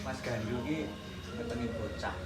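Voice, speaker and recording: A man's voice: mid-range voice, moderate pace, echoey room. A man with a Javanese accent, gossiping and pleading in a village comedy sketch. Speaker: comic actor. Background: music.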